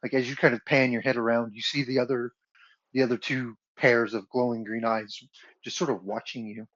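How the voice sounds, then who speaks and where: A man runs a tabletop game as game master, narrating in a relaxed, hesitant way. His voice sounds dry and dull, like lo-fi online audio. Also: mid-range voice, a little fast, dry recording.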